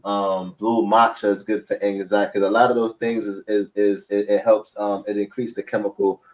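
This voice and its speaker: A man's voice: lowish voice, flat delivery, normal speed, rough recording. A man, rambling through casual slangy chat and often checking in with the listener. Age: late 30s.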